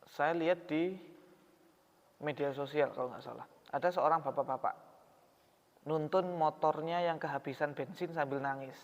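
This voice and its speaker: A man's voice: fairly high pitch, normal speed, long pauses. A man preaching a sermon in a mosque hall, talking in a conversational way and asking his audience questions. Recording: reverberant hall, dull sound.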